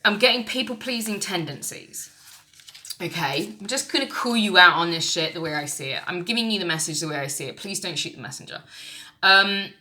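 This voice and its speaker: A woman talks through a tarot reading in a relaxed, chatty way. She is blunt and frank, swearing offhandedly as she gives her message. Her voice has a bright, forward ring. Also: lowish voice, brisk. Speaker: tarot reader. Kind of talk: casual spoken tarot reading.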